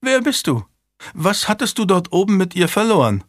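A man's voice: sing-song, measured pace, no echo, studio quality. A man voicing a young widowed governess in an audiobook, anxious, stern and scolding. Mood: alarmed. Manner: scolding and shrill.

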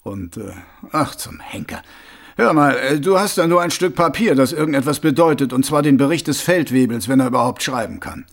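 A hard-bitten, wary cop, as a male narrator puts him on, terse and dry, with a gravelly, husky tone and lively pitch. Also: a little slow, heavily acted. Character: tough, wary male policeman hero, dry.

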